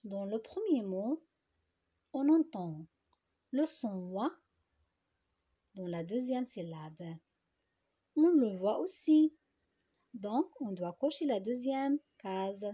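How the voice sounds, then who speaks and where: A woman teaching a phonics lesson to young children, speaking slowly and deliberately, repeating words and stretching them out syllable by syllable. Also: medium pitch, expressive, mellow, slightly rough. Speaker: primary school teacher.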